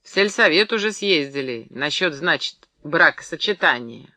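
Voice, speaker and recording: A man voicing a sly, spiteful village gossip who gloats loudly and mockingly. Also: a little high, animated, moderate pace, no echo. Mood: gloating.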